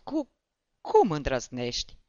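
A man's voice: a little high, wildly swooping pitch, a little mellow, dry recording. Narrator doing a dazed, stammering drunk man. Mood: bewildered. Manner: stammering, panicky. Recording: dull, dry.

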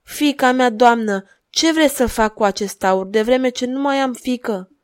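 A woman's voice: on the high side, voice pushed up, close to an everyday voice. Woman voicing a haunted grieving madwoman. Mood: wistful. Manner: pleading, tremulous, broken.

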